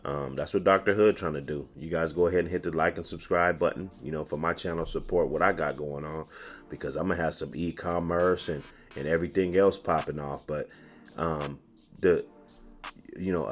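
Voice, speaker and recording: A man giving casual, slangy reaction commentary over a played clip, with drawn-out asides. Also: low voice, steady tone, faint music behind. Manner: slangy, drawling asides, "you dig". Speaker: reaction streamer.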